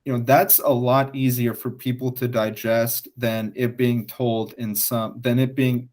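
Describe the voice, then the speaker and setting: A man's voice: medium pitch, flat delivery, unhurried, a little mellow. A man hosting a podcast interview, talking casually and filling gaps with "you know". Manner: leans heavily on "you know". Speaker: podcast host.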